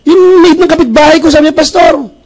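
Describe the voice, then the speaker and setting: Man, pastor, from Bacolod, very high voice for a man, motivational testimony, animated storyteller who acts out conversations. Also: moderate pace, poor audio. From Bacolod, Philippines.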